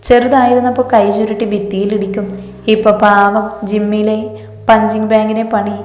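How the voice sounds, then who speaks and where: A woman's voice: mid-range voice, little pitch movement, normal speed, darkish tone, close to an everyday voice. A woman voicing a cheeky, teasing younger sister who talks in a playful, mischievous way. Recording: echoey hall reverb.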